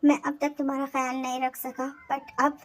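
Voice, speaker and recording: A woman's voice: high voice, monotone, normal speed, close to an everyday voice. A woman voicing a tender, devoted young man who soothes his lover, in a spoken fan story. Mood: doting. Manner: soft doting reassurance.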